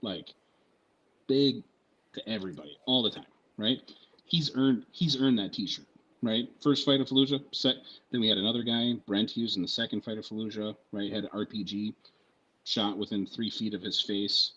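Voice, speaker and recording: Husky, low-voiced man telling rambling stories. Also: moderate pace, a bit bright, dull audio. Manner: profane, rambling, keeps asking "right?" and "you know what I mean?". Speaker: military veteran podcast guest. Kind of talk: casual podcast storytelling.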